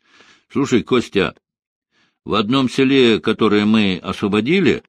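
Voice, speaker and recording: A man reading the lines of a brisk, friendly male marshal on a phone call in an audiobook. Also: on the low side, dry recording. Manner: brisk and familiar.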